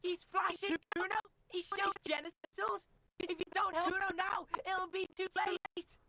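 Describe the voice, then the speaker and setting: A woman's voice: extremely high pitch, little pitch movement, normal speed, very noisy. A woman voicing a crude, foul-mouthed boy who mocks and taunts in the third person. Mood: yelling.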